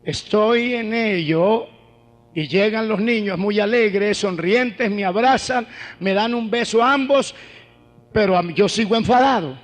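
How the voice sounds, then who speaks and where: A man preaching a sermon in a dramatic storytelling manner, shifting between quick bursts and slow, hushed lines. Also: high voice. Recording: echoey old sermon recording in a hall.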